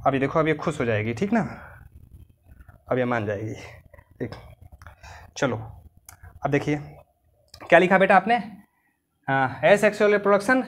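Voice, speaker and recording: Indian male biology tutor, casual lecture, dictates notes slowly. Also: fairly high pitch, lively intonation, fairly bright tone. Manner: chatty, calls students "beta", slows right down to dictate English. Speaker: biology teacher.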